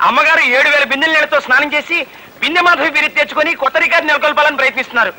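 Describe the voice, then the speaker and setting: A deferential servant rattles off his report to his master. He speaks very fast in a high, bright voice, with a Telugu accent. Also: full character voice, low-quality recording. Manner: polite, hurried explaining.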